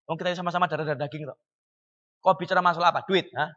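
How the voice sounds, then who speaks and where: Fiery high-voiced man preaching in a hall. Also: fairly even intonation, fast talker, highs cut off. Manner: emphatic, swings from quiet asides to shouting; folksy, addresses congregation directly. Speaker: pastor. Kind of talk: fiery sermon. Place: church hall.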